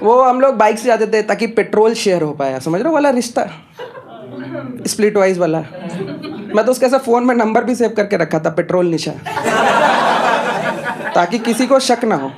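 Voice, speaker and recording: A man's voice: sits high, lively intonation, normal speed, long pauses. A young man doing stand-up comedy and telling a story to a live audience in a chatty way that speaks straight to the crowd. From India. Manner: conversational, addresses audience directly. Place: comedy club stage with audience. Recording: noisy live club recording.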